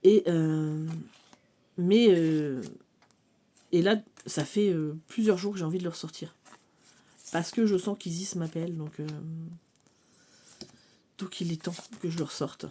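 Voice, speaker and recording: Chatty woman, mellow voice. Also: fairly low pitch, unhurried, pauses often, a little hiss or hum. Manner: chatty, many fillers, laughs easily. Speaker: cartomancy vlogger. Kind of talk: casual show-and-tell of oracle decks.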